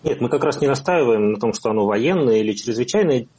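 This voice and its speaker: Mellow husky man on a video call. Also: medium pitch, animated, rough recording. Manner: thoughtful, halting, many fillers. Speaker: guest expert. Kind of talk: interview answers.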